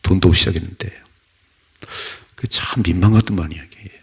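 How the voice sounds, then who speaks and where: A man's voice: sits low, brisk, gravelly, husky. A male pastor giving an early-morning sermon in a church, preaching conversationally with rhetorical questions and personal stories.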